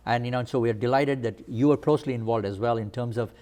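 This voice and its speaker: A man's voice: mid-range voice, fairly even intonation, fast talker, darkish tone. A man hosting an interview, asking long, rambling questions. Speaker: host interviewer.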